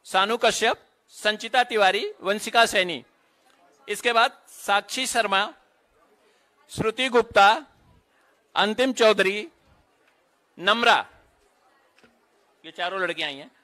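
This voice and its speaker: A man announcing students' names one by one at an award ceremony, with brief instructions to the children between names. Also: sits high. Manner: steady roll-call of names, brisk stage directions. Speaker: event announcer.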